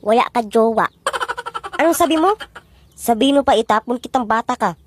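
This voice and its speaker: Casting: high-pitched woman, bossy comic mom in home sketches, noisy audio. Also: animated, moderate pace. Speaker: comedy sketch creator. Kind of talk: comic skit playing mother and child.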